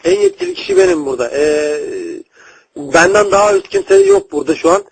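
A man's voice: high-pitched, huge pitch swings, brisk, a little hiss or hum. A man working as a customer service agent over a landline phone, speaking formally and politely but hesitantly, often repeating his words. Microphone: telephone line. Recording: husky-sounding landline phone call recording.

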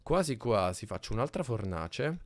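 A man's voice: fairly low pitch, big pitch swings, moderate pace. A man hosting a gaming channel, chatting casually and teasing his co-player while they build together. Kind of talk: casual let's-play banter.

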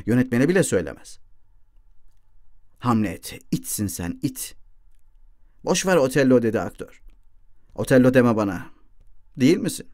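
Guy reading a novel audiobook, middle pitch, dead dry mic, does little voice shifts for the dialogue. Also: darkish tone, no echo. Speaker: audiobook narrator.

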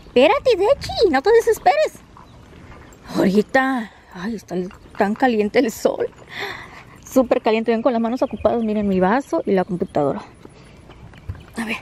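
Mexican woman, casual vlogger voice, a bit high, chatty, coos at her dogs; noisy phone audio outdoors. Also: moderate pace, darkish tone. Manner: chatty, talks to her dogs in squealy baby talk. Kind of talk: casual vlog chat. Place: in a car, then outdoors in a sunny yard.

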